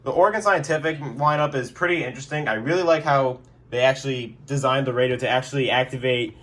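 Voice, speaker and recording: A young man who collects weather radios rambles casually through a review vlog in his bedroom, joking and using lots of fillers. His mid-range voice is a bit bright, and he talks fast.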